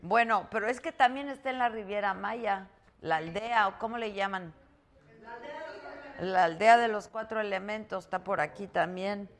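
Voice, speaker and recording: With a medium-pitched voice at a moderate pace, a woman hosts a live talk show from a hotel on the Mexican Caribbean coast. She's chatty and teasing, reads out greetings from viewers, and trails off repeating herself.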